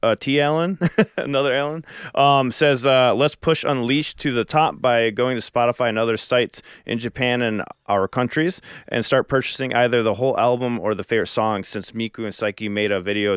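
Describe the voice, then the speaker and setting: A man with a smooth, clear voice co-hosts a casual podcast. He reads messages aloud in an even way, recorded dry. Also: medium pitch, dry recording. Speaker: podcast co-host. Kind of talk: casual chat.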